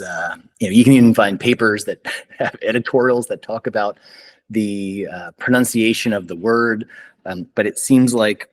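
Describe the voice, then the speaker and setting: A man moderating an online journal club over a video call, chatty and upbeat, with many fillers and restarts. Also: fairly low pitch. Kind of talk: casual online meeting chat.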